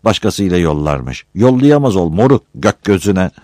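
A man voicing a poor, quick-tempered young villager who answers back scornfully. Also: deep voice, sing-song, a little mellow, no room sound, studio quality. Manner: brash, scornful.

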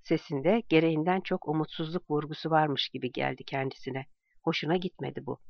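Brief: even-paced novel narrator, dry and slightly muffled sound. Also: mid-range voice, a little fast, creaky, dry recording. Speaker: audiobook narrator. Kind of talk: scripted narration.

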